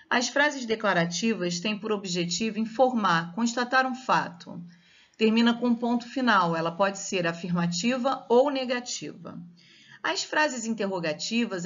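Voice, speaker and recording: A woman's voice: on the high side, a bit bright, highs cut off. A woman teacher with a Brazilian Portuguese accent giving a grammar lesson and explaining step by step. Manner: explains step by step, checks with students.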